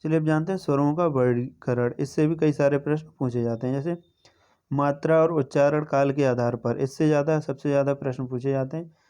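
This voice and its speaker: A male teacher giving an exam-prep grammar lesson, explaining step by step, spelling out sounds slowly and often checking in with "okay". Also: on the high side, fairly even intonation, mellow, clean tone. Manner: explanatory, repeats "ठीक है" as a check-in.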